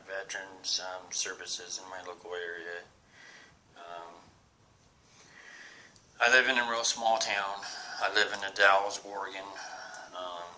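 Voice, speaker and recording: Very low-voiced man, halting and tense. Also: a little hiss or hum, poor audio. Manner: halting, with many pauses and fillers; drops to a soft whisper at times. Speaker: vlogger. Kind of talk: personal confessional vlog. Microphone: camera he faces while recording.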